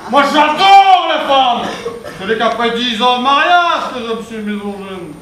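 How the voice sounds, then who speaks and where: A man's voice: very high-pitched, expressive, measured pace, heavy background noise. A man playing a drunk, pompous middle-aged politician, rambling and punning on stage. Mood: tipsy. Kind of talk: stand-up one-man show character. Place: theatre stage. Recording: echoey stage recording from far off.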